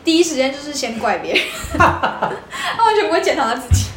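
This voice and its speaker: A young woman, co-hosting a podcast in a teasing, lively manner. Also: sits high, fairly quick. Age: young adult. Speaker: podcast co-host. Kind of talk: casual chat. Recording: echoey room with faint noise.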